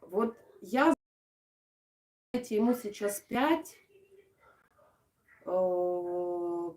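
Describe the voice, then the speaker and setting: Young woman w odesa accent doing a casual livestream chat, kinda halting, echoey room, mic far away. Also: fairly low pitch, lively intonation, darkish tone. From Odesa region, Ukraine. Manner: affectionate, uses endearments and diminutive names. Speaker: craft video blogger and live streamer. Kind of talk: casual live-stream chat with viewers. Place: indoors at home. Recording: echoey room, distant microphone.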